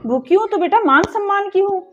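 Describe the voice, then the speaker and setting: A woman's voice: very high-pitched, lively intonation, a little fast, a little hiss or hum. A woman playing an aggrieved mother-in-law who complains and scolds in a family drama. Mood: indignant. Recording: dull lo-fi audio with faint music.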